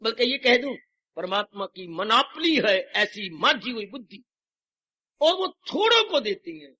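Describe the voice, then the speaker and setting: A man's voice: very high voice, very animated, unhurried, sharp tone, breathy edge. A man, a swami, giving a devotional sermon with emphatic rhetorical questions and English phrases mixed in, on an old lo-fi tape recording. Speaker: swami preacher. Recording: dull lo-fi 1990s tape recording.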